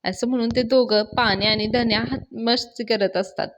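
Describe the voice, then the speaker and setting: A woman's voice: on the high side, fairly even intonation, moderate pace. A woman reviewing a TV serial episode, retelling the scenes in a storytelling manner and quoting the characters' lines. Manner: storytelling, acting out each character's lines in turn. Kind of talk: retelling a TV episode with quoted dialogue.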